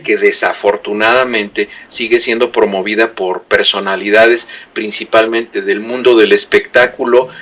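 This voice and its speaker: A man, a guest commentator on a talk show, explaining in a measured way with frequent fillers. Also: lowish voice, a bit bright.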